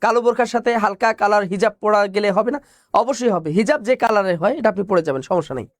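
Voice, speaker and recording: A man's voice: sits high, very fast, dry recording. Male tutor, exam coaching, repeats key points, dry close recording. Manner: explains point by point, repeats key phrases, asks and answers his own questions. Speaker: teacher. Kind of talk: online exam-prep class.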